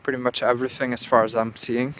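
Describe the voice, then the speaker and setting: A young man vlogging while walking outdoors through a small town, musing aloud in a relaxed, casual way. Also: medium pitch, quick pace, slight background noise. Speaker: travel vlogger. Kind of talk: casual walking vlog narration.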